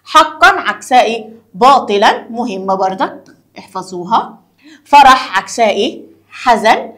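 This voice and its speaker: A woman's voice: fairly high pitch, very animated, moderate pace, a bit bright. A woman with an Egyptian accent explaining a school lesson to young children, asking questions and answering them herself. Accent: Egyptian Arabic. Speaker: primary school teacher.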